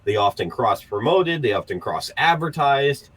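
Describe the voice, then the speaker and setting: A man's voice: medium pitch, big pitch swings, normal speed, fairly bright tone, slightly rough, poor audio. A man hosting a casual podcast, ranting and swearing with sarcastic humor. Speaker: podcast host.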